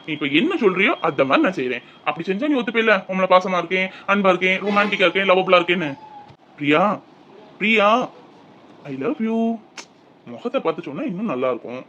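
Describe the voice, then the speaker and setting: A man's voice: high voice, animated, fast talker, sharp tone, dull audio, slight background noise. A man playing a wheedling young husband. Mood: coaxing. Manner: pleading, sweet-talking. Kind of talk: Tamil audio drama.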